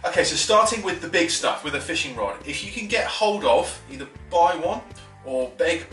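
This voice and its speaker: Pushed and bright, a fairly high-pitched, animated male voice carries a chatty, eager tackle tutorial by a fishing instructor, complete with fillers and quick restarts. He's at a wooden table in his living room talking to a camera a few feet away. The audio is roomy and slightly distant over faint music.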